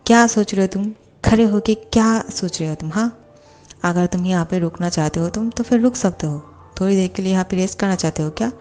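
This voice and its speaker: A woman's voice: medium pitch, fairly quick, warm tone, faint music behind, close to an everyday voice. A woman voicing a young male boss who is bossy and openly lovesick, talking in a clingy, teasing way. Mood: flustered.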